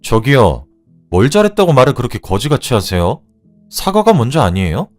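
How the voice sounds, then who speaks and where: A man plays an outspoken young woman friend, loyal and earnest, quick to speak up. The voice sits low but moves through a lively, wide range. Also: soft background music. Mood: indignant. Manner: indignant and earnest.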